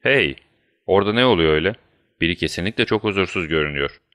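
A man voicing a shrewd, composed male detective who speaks in a measured, commanding way, in a deep voice. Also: animated, a bit bright.

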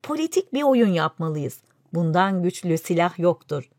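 A woman voicing a shrewd male vizier who speaks deferentially and persuades his sultan calmly. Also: lowish voice, moderate pace, no room sound, studio quality. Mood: persuasive. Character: wise scheming male vizier, respectful to the sultan.

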